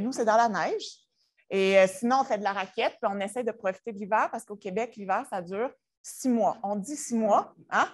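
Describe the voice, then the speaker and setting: A woman from Quebec with a Québécois accent, a school innovation director giving a conference presentation in a chatty, joking way. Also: a little high. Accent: Québécois French. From Quebec, Canada. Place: presentation room.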